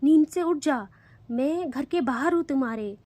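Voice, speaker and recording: Brief: woman voicing a kind, coaxing young woman, soft and high. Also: normal speed, no echo, close to an everyday voice. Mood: urgent. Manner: gentle, coaxing. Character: calm, caring young woman who soothes others.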